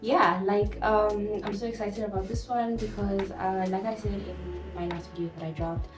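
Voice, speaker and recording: Female vlogger, mid-pitched, informal and rambling, a little tipsy, recorded roomy and away from the mic. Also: fairly even intonation, normal speed. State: tipsy, smoking and drinking. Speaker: music vlogger hosting her own channel. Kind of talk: casual vlog chat to camera. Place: garden with a fan running. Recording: roomy, distant mic, music behind.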